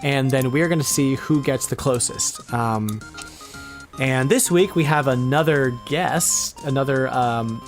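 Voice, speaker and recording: Soft background music plays as a male co-host chats about retro games on a casual podcast. His mid-range voice moves a little slowly, playful in tone, and he sometimes mutters to himself in mock exasperation.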